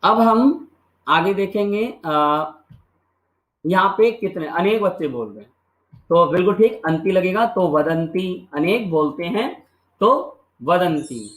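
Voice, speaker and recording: A man's voice: sits high, expressive, unhurried. Man teaching a lesson in an echoey room. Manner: asks questions and answers them himself, drills endings by repeating them. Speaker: Sanskrit teacher. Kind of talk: classroom-style video lesson.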